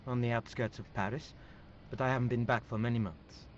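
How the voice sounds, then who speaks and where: A man's voice: medium pitch, steady tone, a little fast, a little hiss or hum, close to an everyday voice. A man voicing a suave, formal middle-aged professor who politely dodges questions in a video game. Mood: evasive. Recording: dull game audio with music.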